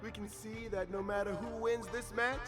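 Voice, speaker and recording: A man voicing an excitable, theatrical tournament announcer in a video game, drawing out big announcements. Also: sits high, normal speed, music in the background, close to an everyday voice. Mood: commenting. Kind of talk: video game arena commentary. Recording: big reverberant arena effect.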